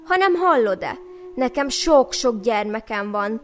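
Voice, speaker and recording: A woman's voice: fairly high pitch, lively intonation, close to an everyday voice. A woman voicing a poor, cunning old widow with many children, speaking emphatically. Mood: pleading.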